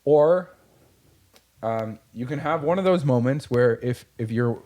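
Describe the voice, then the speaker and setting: A man's voice: mid-range voice, expressive, unhurried, mellow. A man co-hosting a podcast in casual chat, talking bluntly and motivationally with frequent swearing. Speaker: podcast co-host.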